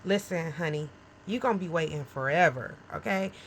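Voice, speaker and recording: Speaking at normal speed in a low voice, this forties-aged small business owner chats casually to camera over slight background noise on a low-quality recording. She addresses the viewer directly, frank and encouraging, peppering her talk with "okay?" and "right?"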